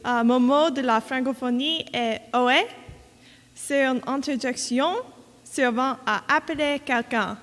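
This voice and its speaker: A woman's voice: high-pitched, unhurried, a bit bright. A woman, a student presenter, reading a prepared word presentation with some hesitation. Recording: long hall reverb, faint crowd.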